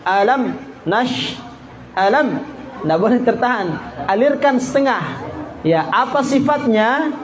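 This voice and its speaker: High-pitched guy teaching quran recitation real slow, class chatter all around. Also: animated, poor audio. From Indonesia. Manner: drills pronunciation, repeats syllables, chants verses slowly. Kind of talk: tajwid lesson with students repeating. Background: group of students in the room.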